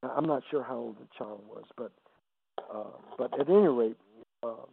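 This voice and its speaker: An older man in his seventies with a gravelly, creaky voice tells his testimony as an evangelist guest. He halts, stumbles over repeated words and grows emotional. The sound is dry and thin, like a phone line on the radio. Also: mid-range voice, normal speed, no echo. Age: 70s. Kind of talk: testimony storytelling on a radio interview.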